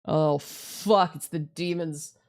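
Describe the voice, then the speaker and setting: In a let's play with background music, a woman reads visual novel text aloud and tosses in casual, sweary remarks. Her voice sits low with a steady tone, and she takes it slowly.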